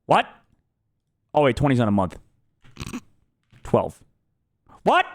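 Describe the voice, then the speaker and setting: A man streaming live, reacting out loud and swearing freely as he thinks aloud. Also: medium pitch, huge pitch swings, takes it slowly. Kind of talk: casual live-stream commentary.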